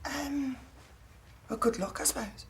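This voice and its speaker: A woman's voice: sits high, slight background noise. An actress playing a blunt, decisive woman in a TV soap who has lost her memory. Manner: blunt, quick to decide. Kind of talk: TV soap acting.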